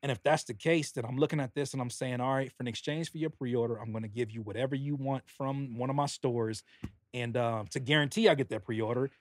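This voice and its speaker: A man's voice: mid-range voice, fairly even intonation, a little fast, dry recording, clean studio sound. A man, a rapper and producer guesting on a podcast, earnestly and animatedly explaining his album pre-order bundle. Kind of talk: casual podcast chat.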